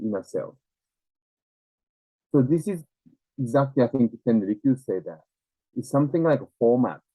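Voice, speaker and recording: Slow-talking Japanese-accented man, tinny echoey line. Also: on the low side. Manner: halting, searching for words in non-native English. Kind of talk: reflective conversational explanation. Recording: tinny, narrow phone-like, echoey room.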